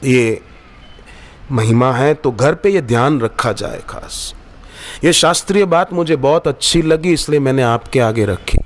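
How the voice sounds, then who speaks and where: A spiritual teacher with a mid-range voice speaks at a measured pace during a devotional sermon at an ashram. His storytelling is woven with Sanskrit verses and acted-out dialogue.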